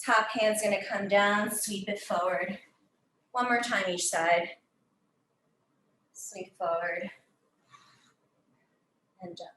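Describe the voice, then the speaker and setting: A woman's voice: medium pitch, fairly even intonation, slow pace, long pauses, fairly bright tone, a little hiss or hum. A young woman fitness instructor, a little out of breath, counting down and calling out moves to her class. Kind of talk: cueing a workout class. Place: gym studio. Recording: echoey room from far off.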